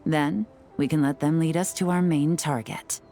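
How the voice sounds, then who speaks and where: Loud music sits behind a low-pitched female voice in this game cutscene. She plays a cool, collected secret agent whose speech is calm, measured, and quietly confident.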